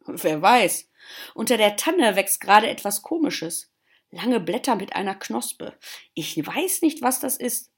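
A woman voicing a cheeky, lively young girl who loves her garden, talking eagerly and excitedly. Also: medium pitch, unhurried, breathy edge, heavily acted. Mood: wondering.

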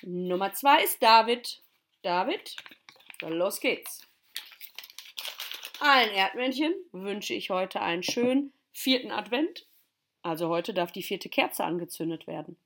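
A woman's voice: mid-range voice, animated, a little slow, pauses often, fairly bright tone, slight background noise. Woman reading a children's story. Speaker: storyteller and teacher.

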